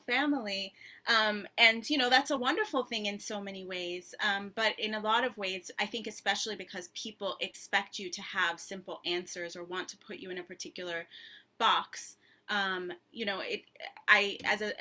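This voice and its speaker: A woman's voice: mid-range voice, bright, forceful tone. A woman author in her thirties answering at length in a thoughtful, conversational way, with frequent ums and restarts. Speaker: author and guest.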